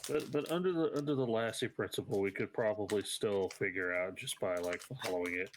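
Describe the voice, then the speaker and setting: A man playing in a tabletop game stream, chatting casually and tossing in quick jokes. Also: lowish voice, slight background noise, low-quality recording. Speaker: player.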